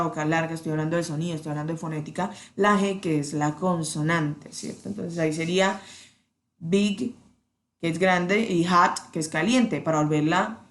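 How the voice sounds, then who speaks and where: A woman teaching an English grammar lesson, patiently checking in with her students and slowing down to spell out the examples. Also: lowish voice. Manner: patient, checks in with "¿cierto?" often.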